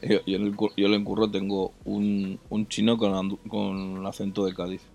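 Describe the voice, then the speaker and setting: A man's voice: on the low side, completely flat delivery, moderate pace, vocal fry, a little mellow. A man from Zaragoza with an Aragonese accent, chatting and joking on a casual podcast. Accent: Aragonese Spanish. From Zaragoza, Spain. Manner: joking, laughs often.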